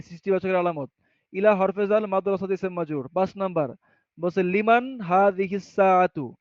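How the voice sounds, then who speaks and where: High-voiced man teaching Arabic grammar. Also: dry recording. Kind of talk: classroom grammar lesson. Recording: dull, muffled sound.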